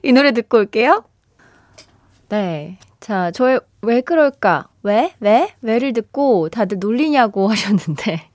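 A woman in her thirties hosting a radio show, reading listener messages with bright, playful reactions and frequent laughter. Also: a little high, lively intonation, unhurried, no room sound. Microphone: studio microphone. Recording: dry studio sound with faint music bed.

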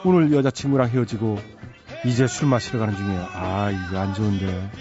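A man's voice: lowish voice, fairly even intonation, fairly quick, darkish tone. A male radio host reading out listener text messages with chatty, teasing comments. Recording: slightly dull radio broadcast with faint music.

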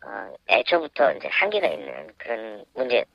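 A male professor speaking anonymously on the phone, his voice disguised with pitch shifting, explaining in a hesitant, measured way. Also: wildly swooping pitch, vocal fry. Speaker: university professor, interview guest. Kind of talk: phone interview. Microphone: telephone. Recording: muffled phone line.

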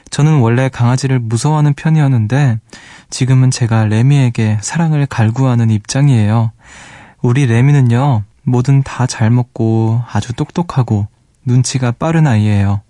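A man hosts a late-night radio show from a studio microphone, with a mellow, warm tone and a middling pitch. He reads listener letters in a gentle, soft-spoken way and fondly exclaims over the pets in their photos. The sound is close and dry. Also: dry recording.

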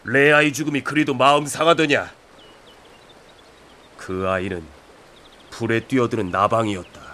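A man's voice: mid-range voice, fairly even intonation, moderate pace, pushed and bright, natural voice. A man playing a stern, ancient wizard master in a radio drama, solemnly admonishing his pupil.

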